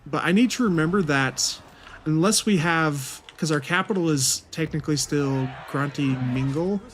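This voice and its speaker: A man's voice: a little high, moderate pace, slight background noise. A man thinks aloud in casual commentary as he plays a strategy game. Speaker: gaming video host.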